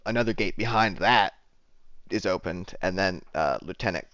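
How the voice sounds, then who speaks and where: Guy running a tabletop game, lots of uhs, lowish voice, dull dry audio. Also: fairly bright tone, no room sound. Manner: halting, many fillers. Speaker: game master.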